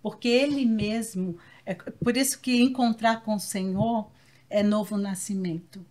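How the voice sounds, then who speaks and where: Woman guest, calm storytelling voice, reflective faith talk. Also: mid-range voice, measured pace. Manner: reflective, explains with stories and examples. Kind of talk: casual faith chat.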